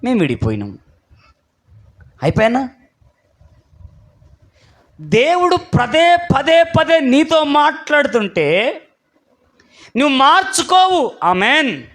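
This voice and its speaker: A man's voice: very high-pitched, very animated, takes it slowly, pauses often, a bit bright. A man preaching a sermon to his church congregation, acting out little dialogues and calling on the people to respond. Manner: acts out short dialogues, calls out to the congregation. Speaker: pastor.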